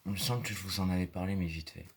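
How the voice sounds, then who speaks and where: A man giving casual, rambling gameplay commentary full of fillers, sometimes dropping into quiet murmurs. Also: deep voice, steady tone, very fast, slight background noise. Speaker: gaming video creator. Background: mouse and keyboard clicks.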